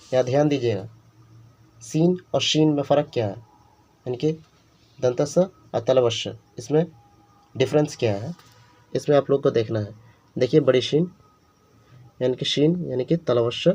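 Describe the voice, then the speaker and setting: Slow, patient teacher, a man. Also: mid-range voice, darkish tone. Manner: slow, repeats and spells out letters. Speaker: Urdu teacher. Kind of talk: beginner language lesson.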